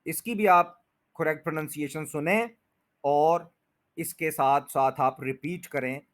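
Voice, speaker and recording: A man's voice: fairly high pitch, a little slow. A man teaching English pronunciation, patiently repeating each word and stretching its syllables. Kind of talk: pronunciation lesson explained in Urdu/Hindi.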